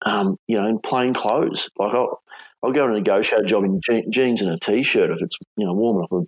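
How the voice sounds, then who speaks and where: Low, husky Australian man, halting. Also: animated. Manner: hesitant, halting, casual phrasing. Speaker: former police hostage negotiator, interview guest. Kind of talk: conversational storytelling in an interview. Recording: dull, echoey room recording.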